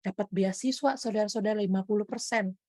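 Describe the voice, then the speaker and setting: A woman from Indonesia preaching a testimony sermon to a congregation, telling her story in a lively way and often turning to address her listeners directly. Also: medium pitch, brisk, no room sound, studio quality.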